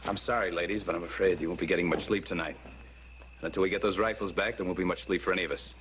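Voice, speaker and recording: An actor playing an impatient cavalry captain who shouts orders in a 1950s western film. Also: male voice, low voice, steady tone, very fast, noisy background, natural voice. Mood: commanding.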